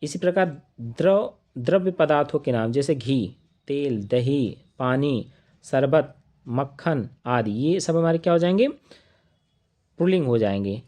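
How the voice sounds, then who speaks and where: A man teaching an online grammar lesson, listing examples one by one and asking questions that he answers himself in a lower voice. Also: animated, unhurried, mellow. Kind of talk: live online grammar class.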